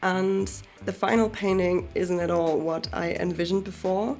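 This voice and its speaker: A woman with a cold speaks in a nasal voice that has a low, gravelly edge. She narrates her painting vlog in a relaxed, candid way, with faint music playing softly behind her. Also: measured pace. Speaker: art vlogger. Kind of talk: casual voice-over narration.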